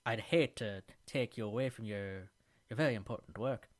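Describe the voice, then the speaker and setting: A man voicing a polite, formal company representative who talks smoothly and persuasively. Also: on the low side, normal speed, lightly acted.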